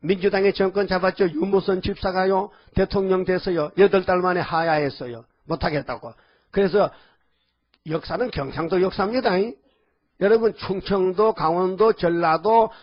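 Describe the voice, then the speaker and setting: Folksy preacher with a high voice. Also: male voice, steady tone, moderate pace. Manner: folksy, rambling, calls out to the congregation. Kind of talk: sermon. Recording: dull lo-fi audio.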